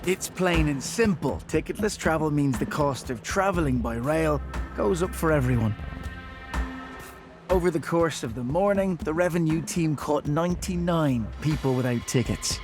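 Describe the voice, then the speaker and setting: Male narrator, fairly high voice, scripted TV documentary read over a music bed. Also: expressive, moderate pace.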